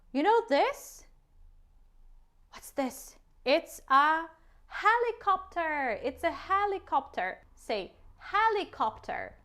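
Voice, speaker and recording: Lady teaching a little kid english words, super slow n high sing-song voice, lots of praise. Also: fairly bright tone. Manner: talking to a small child, simple repeated phrases and questions; encouraging, praising. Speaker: English teacher for young children. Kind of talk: interactive children's vocabulary lesson.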